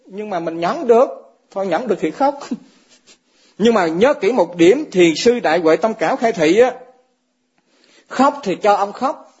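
Husky high-voiced monk. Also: male voice, animated, normal speed, darkish tone. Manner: chuckles often, asks listeners direct questions. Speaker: Buddhist monk teaching fellow monks. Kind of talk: dharma talk. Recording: dull lo-fi recording.

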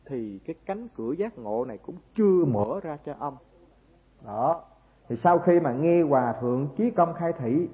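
A man with a Southern Vietnamese accent preaching a Buddhist sermon, telling a story and often asking the listeners rhetorical questions. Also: fairly high pitch. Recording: tinny, echoey hall recording.

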